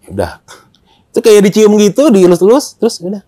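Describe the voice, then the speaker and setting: Guy telling a story, voices everyone, pitch goes all over. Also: brisk, no echo. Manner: animated, acts out dialogue in slang. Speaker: storyteller guest. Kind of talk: casual storytelling chat.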